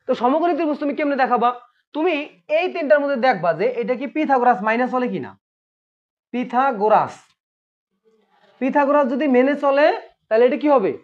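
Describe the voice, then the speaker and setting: A man's voice: very high-pitched, expressive, a little fast, long pauses. Patient man teaching math. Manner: patient, asks students questions and repeats points. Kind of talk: classroom math lesson. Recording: dull lo-fi recording.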